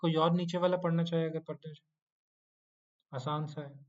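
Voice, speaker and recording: A man's voice: fairly high pitch, fairly even intonation, moderate pace, highs cut off. A man teaching an online Quranic Arabic class, quizzing students with short prompts and playfully scolding them to do their homework.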